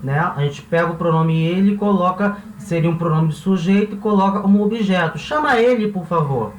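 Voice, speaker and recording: High-voiced Brazilian man teaching, roomy sound. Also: darkish tone, far from the mic. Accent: Brazilian Portuguese. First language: Portuguese. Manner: checks in constantly with "tá?" and "certo?"; slows down to spell out example words. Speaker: Spanish teacher. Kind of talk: classroom-style lesson explanation. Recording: roomy sound, voice a bit off-mic, faint hiss.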